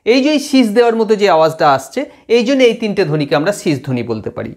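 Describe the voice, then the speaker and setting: A man's voice: high-pitched, big pitch swings, very fast. A man teaching students phonetics, patiently explaining and repeating sounds aloud to demonstrate them.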